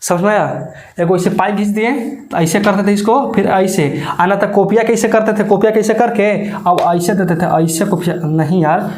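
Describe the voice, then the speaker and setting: A man's voice: high-pitched, fairly even intonation, normal speed, darkish tone. A man teaching a maths coaching class, chatty and often checking whether his students follow. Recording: echoey classroom.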